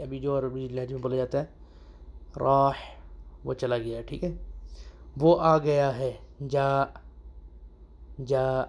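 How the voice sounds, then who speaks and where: A man of middle pitch gives a relaxed, chatty lesson. He says each short phrase slowly and goes over it again and again for the learner. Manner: repeats phrases slowly and drills pronunciation. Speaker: Arabic teacher. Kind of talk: casual spoken language lesson.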